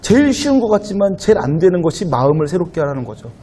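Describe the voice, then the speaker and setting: A man pastor giving a conversational sermon to a young adult congregation in a church, at times growing louder and higher as he presses a point. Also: quick pace, slight background noise. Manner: conversational preaching, rising loud and high when animated. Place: church sanctuary.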